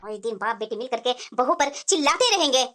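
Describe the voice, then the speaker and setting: A woman voicing a high-pitched scolding cartoon mother. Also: lively intonation, a little fast, a bit bright, soft background music. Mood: chiding. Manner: chiding. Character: middle-aged mother, fair-minded and scolding. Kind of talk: cartoon voice acting.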